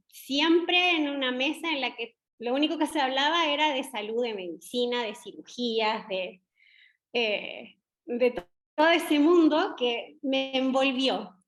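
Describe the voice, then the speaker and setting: A middle-aged woman with a Chilean accent, a doctor speaking as guest in an interview, measured and reflective with pauses. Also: high-pitched, a bit bright. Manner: measured, reflective, frequent hesitations. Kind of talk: conversational interview.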